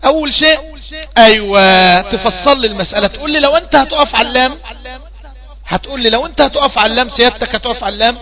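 High-pitched Egyptian man teaching tajweed. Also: bright, forceful tone, poor audio. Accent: Egyptian Arabic. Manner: patient questioning, repeats points slowly. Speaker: Quran recitation teacher. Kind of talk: online tajweed lesson.

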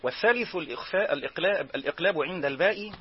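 A man with an Egyptian accent teaching Quran recitation rules, explaining each rule and then chanting slow example verses. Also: a little high, lively intonation, husky, muffled recording. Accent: Egyptian Arabic. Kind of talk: tajweed lesson.

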